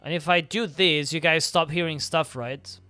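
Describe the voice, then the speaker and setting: Young guy streaming, rambles with "like" a lot, bright clear voice, quiet game music behind. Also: on the high side, fairly even intonation, normal speed. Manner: rambling, full of "like" fillers. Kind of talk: casual live-stream chat. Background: faint game music.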